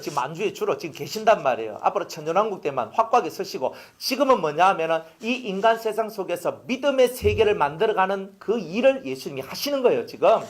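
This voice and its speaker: A middle-aged man, preaching a sermon as pastor, telling stories and asking the congregation rhetorical questions. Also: high-pitched.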